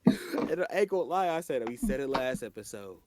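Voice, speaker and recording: A man's voice: medium pitch, a little fast. A man co-hosting a casual anime podcast, recapping episodes and acting out the characters' lines as he goes. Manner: animated, acts out characters' lines mid-recap. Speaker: podcast co-host.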